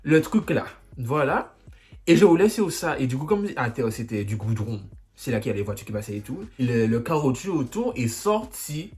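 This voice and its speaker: Male vlogger, animated storyteller, lively pitch, dramatic sound effects. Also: moderate pace. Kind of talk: storytime vlog.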